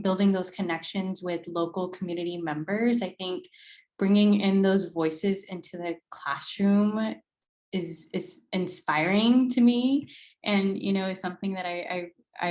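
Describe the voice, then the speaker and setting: A woman educator sharing her thoughts in an earnest, thoughtful way, repeating words as she goes, on a video call. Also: fairly low pitch. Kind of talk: reflective discussion.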